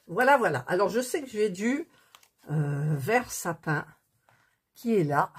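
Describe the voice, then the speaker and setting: Soft-spoken husky woman crafter. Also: on the low side, lively intonation, a little slow. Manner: chatty, thinking aloud while working; speaks softly near the phone. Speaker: cross-stitch crafter. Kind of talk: casual craft tutorial chat. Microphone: phone on a stand.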